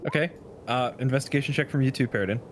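A man's voice: mid-range voice, racing, slight background noise. A man acting as game master, narrating a tabletop role-playing game in an easygoing way and laughing often.

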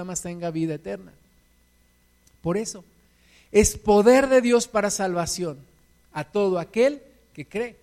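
High-voiced Mexican preacher man. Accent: Mexican Spanish. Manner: passionate, swings between loud emphatic peaks and soft low asides; repeats scripture lines as refrains. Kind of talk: sermon.

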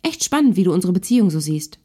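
A sharp, reproachful wife in a heated domestic argument, as a woman narrator voices her. Her tone is dark and mellow, pointed and accusing, in a spoken-word story reading. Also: on the low side, big pitch swings, fast talker, slightly rough. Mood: angry. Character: angry wife in a marital spat.

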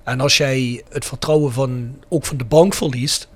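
A man's voice: medium pitch, fairly even intonation, normal speed. A man, chatting casually and bluntly as host of a sports podcast.

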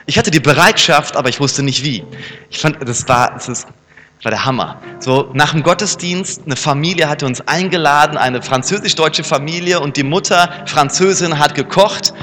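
A man's voice: fairly high pitch, normal speed, sharp tone. A man preaching a sermon, acting out everyday scenes between the Bible verses. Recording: reverberant hall with background music.

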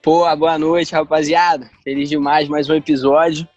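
Male co-host, slangy casual chat, high-pitched, faint music behind. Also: flat delivery, normal speed, a little mellow, dry recording, highs cut off. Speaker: podcast co-host. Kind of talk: casual banter.

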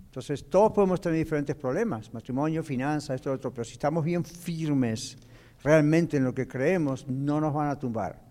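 A man's voice: fairly high pitch, moderate pace, dark tone. A man teaching a Bible class as pastor, explaining patiently and slipping in English phrases. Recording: long church hall reverb.

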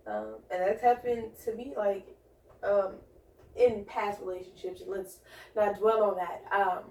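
A woman's voice: medium pitch, expressive, unhurried, warm tone. A woman co-hosting a casual chat, giving earnest self-love advice in a rambling way. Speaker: podcast co-host. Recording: echoey room, far from mic.

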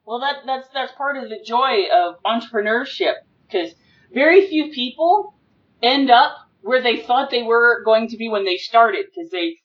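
A woman's voice: on the high side, unhurried, distant mic, lo-fi sound. A woman hosting an interview, friendly and encouraging, asking short questions. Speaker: interview host, financial expert. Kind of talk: casual interview conversation.

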